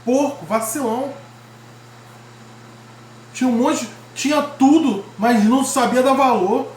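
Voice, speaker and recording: A man's voice: very high voice, a little slow. A Brazilian man preaching in a loose, everyday way, full of slang, switching into little voices for the figures he quotes. His voice rings around an echoey room over a faint hum of ambience. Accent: Brazilian Portuguese. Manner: slangy, animated, acts out quoted speech. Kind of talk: informal sermon.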